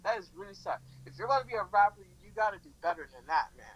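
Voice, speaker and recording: A man's voice: sits high, sing-song, very fast, a bit bright, slightly rough, low-quality recording. A twenty-one-year-old man chatting casually as a guest, rambling and restarting his sentences often. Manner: rambling with many restarts and fillers. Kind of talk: casual podcast chat.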